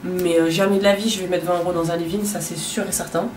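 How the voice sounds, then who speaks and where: A woman's voice: on the low side, level tone, fast, recorded from a distance, noisy background. Chatty young woman in an echoey bathroom. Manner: chatty, crude, self-mocking. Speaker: beauty vlogger. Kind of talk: casual chat. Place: home bathroom.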